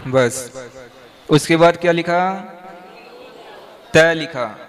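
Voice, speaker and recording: A man's voice: fairly high pitch, extremely slow, background noise. A man, a monk, teaching verse meter to a class, patiently explaining step by step and quizzing them with repeated questions.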